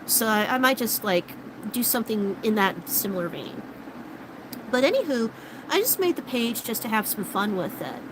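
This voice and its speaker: A vlogger in her late thirties chats casually with live viewers, rambling and using lots of fillers as her voice starts to wear out. Her pitch is fairly high and animated, her pace moderate, with background noise audible.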